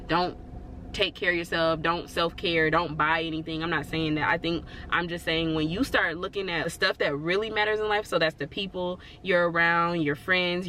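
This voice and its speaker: A woman's voice: lowish voice, pushed and bright, slight background noise. A woman vlogging in a casual, rambling way, encouraging her viewers and filling her talk with "like" and "you know". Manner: encouraging, reassuring. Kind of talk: casual motivational talk to camera.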